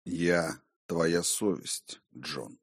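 A man voicing a ghostly male double, a conscience that speaks low, hushed, calm and taunting, in an audiobook. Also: extremely slow, exaggerated voice. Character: eerie whispering male double, his conscience. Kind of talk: audiobook character voice.

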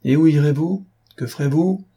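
A man reading the part of a stern, suspicious father who speaks curtly and harshly, in a mellow, slightly husky voice. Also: medium pitch, animated, normal speed, lo-fi sound. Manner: curt, harsh questioning.

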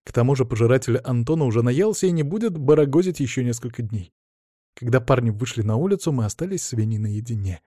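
A man's voice: mid-range voice, expressive, quick pace, dark tone, dry recording. A man narrating a first-person fantasy audiobook in a wry, ironic manner, read close to the mic.

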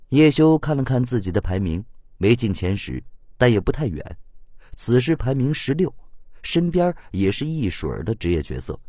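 Expressive low-voiced male audiobook narrator. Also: no room sound, clean studio sound.

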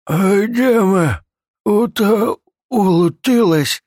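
A man voicing a hot-tempered male character with a knocked-out jaw, who splutters and yells in outrage in an audiobook. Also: sits high, extremely slow, dry recording, studio quality, pitched above the performer's own voice, exaggerated voice. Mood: groggy.

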